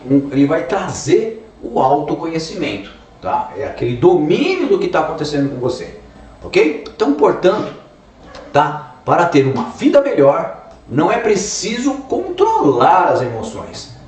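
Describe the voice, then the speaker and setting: A man's voice: a little high, a little hiss or hum. A man with a Brazilian Portuguese accent giving a self-help talk, explaining step by step and tagging his sentences with "tá?" and "né?". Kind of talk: motivational talk to camera. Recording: echoey room, mic at a distance.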